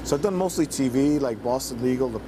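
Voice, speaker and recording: A man, an actor, talking briskly in a casual interview. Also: medium pitch, expressive, noisy background.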